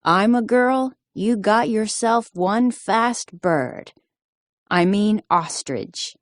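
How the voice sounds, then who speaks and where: A woman's voice: medium pitch, animated, slow pace, no room sound, studio quality, voice pushed up. A woman voicing a jolly, hearty rancher father with a folksy drawl, in a storybook reading.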